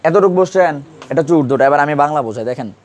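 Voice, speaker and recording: A man's voice: on the high side, animated, racing, a little mellow, slight background noise. Man quizzing a class on grammar. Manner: quizzing students with repeated questions. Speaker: Urdu grammar teacher. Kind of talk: classroom lesson.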